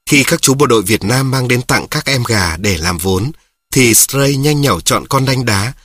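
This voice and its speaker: A man reads a children's story aloud in a steady voice, now and then turning to address his listeners. His voice is husky and of middle pitch. The recording is dry and close. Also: normal speed, no echo. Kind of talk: scripted narration of a children's story.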